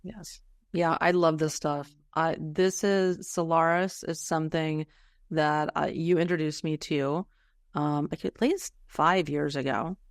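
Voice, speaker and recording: Smooth-voiced woman hosting a podcast. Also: low voice, unhurried, dry recording, studio quality. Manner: relaxed, many fillers. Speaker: podcast host. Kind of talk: casual interview chat.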